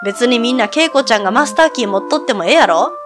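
A gruff, tightfisted middle-aged lodge owner, put on by a woman reading a video game aloud, talking in blunt, clipped Kansai dialect. Organ music plays clearly underneath. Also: fairly high pitch, expressive, fast talker, close to an everyday voice.

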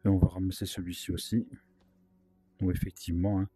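A man with a sore throat and a worn-out, hoarse voice gives chatty, casual commentary as he plays a video game, with wry asides. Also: deep voice, little pitch movement, a little fast, dark tone. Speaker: gaming video host.

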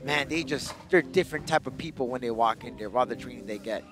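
A man's voice: mid-range voice, quick pace. A man giving casual live fight commentary as an analyst. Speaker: colour commentator. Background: music.

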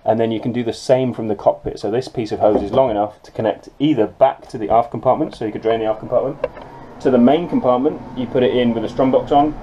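A forties-something sailor rattles through a casual boat tour of a small yacht's cramped cabin, fast and with few pauses, in a medium-pitched, dark-toned, fairly even voice. He's matter-of-fact and practical with lots of ums, filmed up close on a handheld action camera whose lo-fi mic picks up handling clicks and noise.

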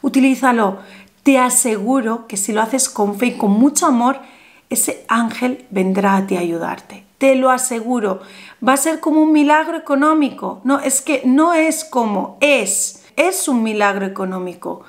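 A woman with a slightly high voice leads a spiritual ritual step by step. She speaks softly and soothingly, often sinking to a whisper. She chants strings of numbers slowly and with care. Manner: slow, deliberate chanting of numbers. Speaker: spiritual guide. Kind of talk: guided ritual instruction.

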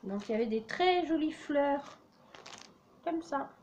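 A woman's voice: high voice, animated, unhurried, darkish tone, slight background noise. A woman casually showing her flea-market craft finds, hesitant and full of "euh" and "voilà". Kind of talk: casual show-and-tell vlog.

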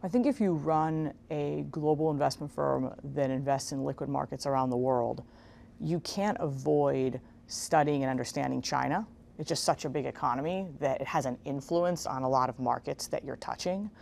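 A woman in her thirties, born in Israel, giving measured, explanatory answers as a guest in a TV interview, with casual fillers, on a lapel mic in a bright room. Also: extremely low pitch, creaky, a little hiss or hum. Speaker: guest, investment executive. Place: large bright room with garden windows.

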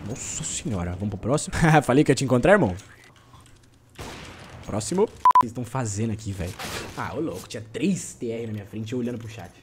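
A man's voice: mid-range voice, lively intonation, fast, background noise. A young man from Brazil streaming a shooter game, talking in slangy, joking banter with his chat. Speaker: gaming streamer. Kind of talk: casual live gameplay commentary.

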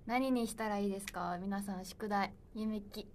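A young woman in her twenties runs a solo idol livestream, chatting playfully and reading viewer comments out loud. Her medium-pitched voice is fairly even in intonation and a little mellow, moving at a moderate pace. There's a slight hiss or hum in the audio.

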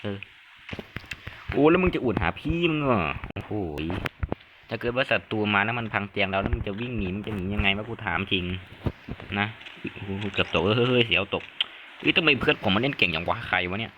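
A young man commentating his game at home, loud, excitable and crude, yelping at every surprise. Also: on the low side, fast. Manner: loud, excitable, crude joking with frequent yelps. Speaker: gaming YouTuber. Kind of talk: Thai let's-play commentary. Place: home room during heavy rain. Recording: rain noise clearly audible behind voice.

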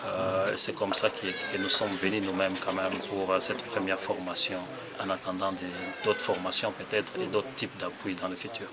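A man's voice: deep voice, flat delivery, moderate pace, hardly any pauses, over a noisy crowd. A middle-aged man from Congo working in humanitarian aid, answering interview questions outdoors with many hesitant fillers. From Democratic Republic of the Congo. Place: outdoors beside a brick building.

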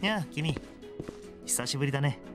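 An actor playing a confident young male top gamer, smooth and politely condescending with cool menace, in a Japanese video game. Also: a little high, expressive, normal speed, over music, close to an everyday voice. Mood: breezy.

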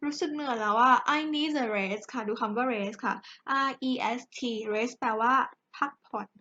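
A woman's voice: on the high side, a little slow, bright, forceful tone. A young Thai woman teaching an English grammar lesson in a chatty, joking way, addressing her students directly. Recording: dull lo-fi recording.

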